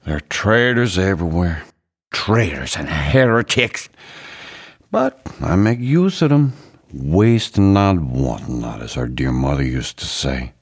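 Man voicing a husky mad prophet. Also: low voice, expressive, slow pace, full character voice. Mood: unhinged musing. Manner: rambling, unhinged, sing-song swings. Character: deranged bearded male religious leader, sullen and menacing.

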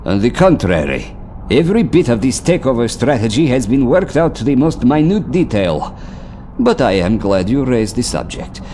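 Audio drama villain: male actor as ruthless military tyrant, lowish voice, theatrical pitch swings, mock-courteous menace. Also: big pitch swings, a little slow, a little hiss or hum. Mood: smug, menacing. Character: sinister, ruthless male KGB colonel, gaunt tyrant.

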